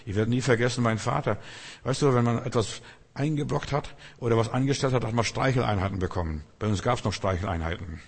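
A man's voice: mid-range voice, fast talker, gravelly, husky, big-room sound. A man preaching a sermon, earnest and exhorting, speaking straight to the listener.

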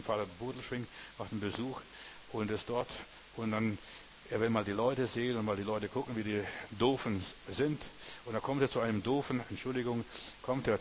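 A man's voice: fairly low pitch, a little hiss or hum. A man preaching a sermon in a folksy way, who keeps turning to the listener with "you know?" and "understand?". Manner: folksy, keeps asking "weißt du", "verstehst du".

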